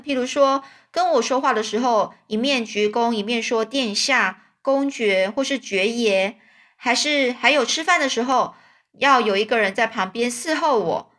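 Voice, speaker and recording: A woman's voice: fairly high pitch, fairly bright tone, close to an everyday voice. A woman voicing a young male swindler who poses as a wronged duke, complaining in a mournful, pompous way.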